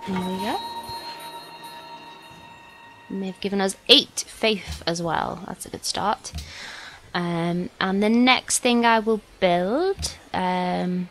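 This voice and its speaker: A woman's voice: fairly low pitch, gravelly, fairly bright tone, a little hiss or hum. A woman with a slight sniffle gives casual, hesitant let's play commentary, explaining things informally as she goes. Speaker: gaming video host.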